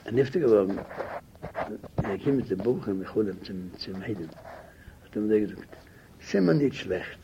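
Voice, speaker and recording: An older man telling his memories in an interview, in halting, fragmented speech that keeps repeating words, on a muffled, hissy lo-fi tape. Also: fairly low pitch. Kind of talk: oral history interview. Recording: muffled lo-fi tape with loud hiss.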